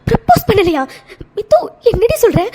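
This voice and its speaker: A woman's voice: very high-pitched, sing-song, brisk, warm tone, a little hiss or hum. A woman voicing Vaishu, a worried young woman in a cartoon, questioning her friend with urgency. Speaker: cartoon character. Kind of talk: Tamil cartoon voice acting.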